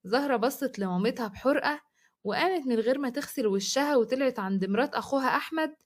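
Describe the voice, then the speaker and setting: Fast Egyptian woman storyteller. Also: high voice. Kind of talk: scripted story narration.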